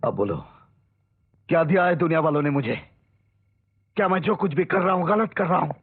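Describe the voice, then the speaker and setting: Cast: embittered vigilante, husky raspy voice, lively swings, phone-thin sound. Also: male voice, fairly high pitch, brisk, faint music behind. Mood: bitter. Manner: embittered, intense, defiant. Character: bitter vengeful grown son turned killer. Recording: tinny old film audio.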